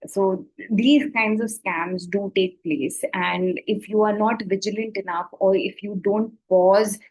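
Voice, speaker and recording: A woman's voice: medium pitch, fairly even intonation, measured pace, a little mellow, rough recording. Conversational Indian-accented woman explaining things. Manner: acts out example dialogue, checks in with "right?". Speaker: scam awareness educator.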